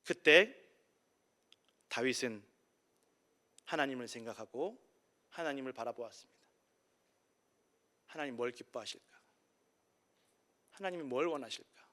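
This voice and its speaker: A man preaching a sermon as pastor, swinging between soft, quiet passages and loud, impassioned cries. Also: medium pitch, lively intonation, unhurried, long pauses.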